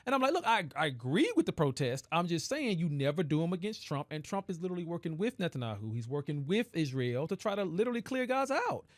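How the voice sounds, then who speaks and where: A man's voice: a little high, very animated, fast talker, hardly any pauses, no echo, studio quality. A man co-hosting a podcast, talking politics in casual chat and building long, hedged arguments. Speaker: podcast co-host.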